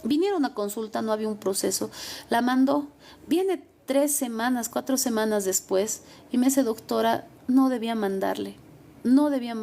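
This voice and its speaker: A woman's voice: a little high, a little mellow, slight background noise. A young adult woman lawyer, giving emphatic, repetitive advice. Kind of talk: advice talk.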